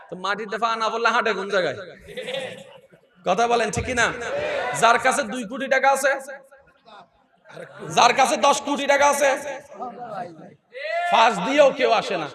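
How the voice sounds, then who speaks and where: Fiery Bangladeshi preacher, high voice. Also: male voice. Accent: Bangladeshi Bengali. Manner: swings from quiet asides to loud, rhythmic shouting. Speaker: Islamic preacher. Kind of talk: fervent waz sermon with call-and-response. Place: religious gathering with a large crowd. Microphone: handheld or stand microphone on a PA system. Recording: live recording with a crowd around.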